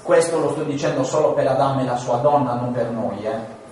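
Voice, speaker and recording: A man teaching a class on Genesis, animated and full of rhetorical questions, sometimes acting out voices. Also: mid-range voice, brisk, slight background noise. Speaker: Bible teacher. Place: large room with listeners. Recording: echoey hall, distant mic.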